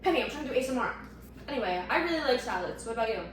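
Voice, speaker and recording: A woman's voice: fairly high pitch, expressive, very fast, recorded from a distance. Sick teen girl vlogging in an echoey room. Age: teens. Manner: chatty, rambling, self-deprecating. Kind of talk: casual vlog talk to camera. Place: at home. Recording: echoey room, voice from off mic, faint noise.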